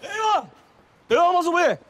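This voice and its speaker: An actor playing a cheeky, mocking sidekick with an Egyptian accent. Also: male voice, very high voice, big pitch swings, rapid-fire, soft background music. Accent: Egyptian Arabic.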